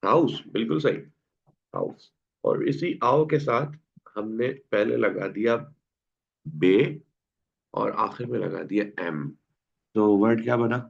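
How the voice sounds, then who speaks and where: A man's voice: lowish voice, slow pace, vocal fry, long pauses, breathy edge. A man teaching an online language class, patiently quizzing students and repeating words. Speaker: German teacher. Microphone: video call. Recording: dull lo-fi online class audio.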